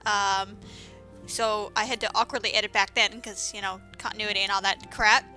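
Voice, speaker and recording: A woman's voice: medium pitch, little pitch movement, moderate pace, sharp tone, soft background music. A woman giving casual, rambling commentary over a game playthrough, with many fillers and restarts. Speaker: let's-play commentator.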